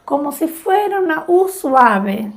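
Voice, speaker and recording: High-voiced Brazilian woman hosting a lesson. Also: sing-song. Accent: Brazilian Portuguese. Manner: slow, encouraging, coaching the viewer. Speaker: channel host. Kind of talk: language lesson.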